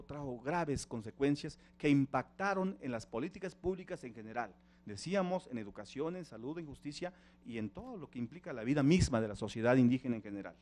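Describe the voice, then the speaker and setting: A middle-aged man whose first language is Tzeltal gives a lively conference talk. His voice sits a little high, and he keeps turning to the audience with questions. He speaks in a conference hall. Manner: engaging, asks the audience questions. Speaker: panel speaker.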